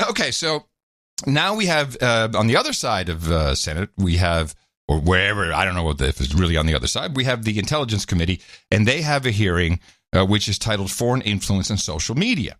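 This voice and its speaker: Animated, sarcastic male podcast host. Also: on the low side, brisk, no echo, clean studio sound. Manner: animated, sarcastic, jumps into mock voices. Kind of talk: casual political commentary.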